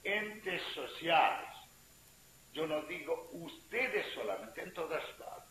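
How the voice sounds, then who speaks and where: A man's voice: a little high, big pitch swings, sharp tone. Man, swami's spiritual talk, echoey room, faint hiss. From India. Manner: slow, deliberate, storyteller.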